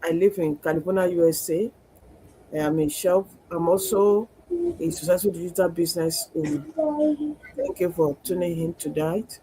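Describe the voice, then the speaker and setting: A woman's voice: fairly low pitch, expressive, normal speed, mellow, slight background noise, poor audio. A woman from Nigeria, a panelist giving a brief, friendly introduction on a live stream. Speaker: panelist, chef.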